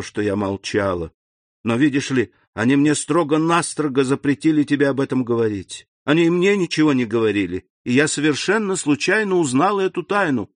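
A man's voice: mid-range voice, dry recording, clean studio sound, lightly acted. A man reading an audiobook, voicing an anxious young woman who pleads with her grandfather. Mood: hushed.

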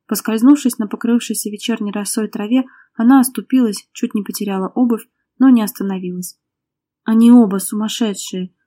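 Warm-voiced woman narrating a tense drama. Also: on the high side, fairly quick, few pauses. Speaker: audiobook narrator. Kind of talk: scripted narration.

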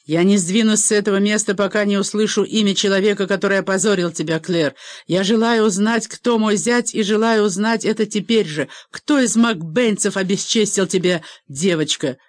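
A woman reading aloud and voicing a gruff, angry old male clan chief who barks his demands. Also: mid-range voice, normal speed, no room sound, studio quality, natural voice. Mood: angry, demanding. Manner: loud, demanding, barking.

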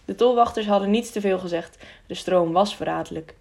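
Woman reading an audiobook, mid pitch, bit of vocal fry. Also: a little fast, darkish tone. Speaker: audiobook narrator. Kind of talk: audiobook narration.

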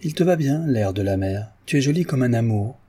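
A man reading an audiobook, voicing a gentle, reserved young woman who speaks softly. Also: mid-range voice, lively intonation, brisk, breathy edge.

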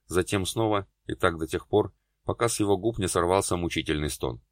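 Deep-voiced male audiobook narrator. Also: fairly quick, dry recording, studio quality. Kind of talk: scripted narration.

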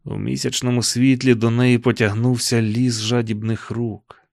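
Man calmly narrating an audiobook. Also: medium pitch, moderate pace, gravelly, no echo, clean studio sound. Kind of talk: scripted narration.

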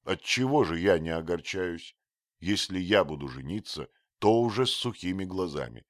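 A man voicing a blunt, hot-tempered young archer who speaks loudly and forcefully in a read-aloud story. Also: low-pitched, animated, moderate pace, dry recording, studio quality, voice pushed up. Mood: gruff. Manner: loud and forceful.

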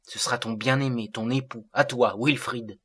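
A man's voice: mid-range voice, fairly even intonation, moderate pace, fairly bright tone, slightly rough. A man voicing a sorrowful, otherworldly seraphic being who speaks in solemn, lofty declamation. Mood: urgent.

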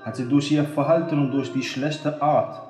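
A man's voice: medium pitch, steady tone, normal speed, darkish tone, faint music behind, close to an everyday voice. A man voicing a sad teenage girl who feels unloved by her mother, reading her lines in a plaintive, earnest way. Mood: sorrowful. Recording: echoey room.

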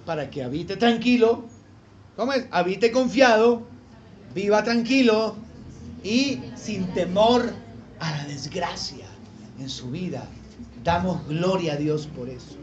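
A man's voice: high-pitched, lively intonation, slow pace, muffled recording. A man preaching a sermon as pastor, throwing rhetorical questions at his congregation. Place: church hall with congregation.

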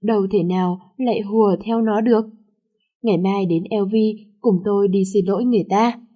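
A harsh middle-aged father scolds his daughter in a gruff, angry manner, as a woman reads him in a storybook. The voice stays mellow and dark in tone. There is no shouting and no strong change of voice. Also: mid-range voice, steady tone, brisk, lightly acted. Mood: scolding.

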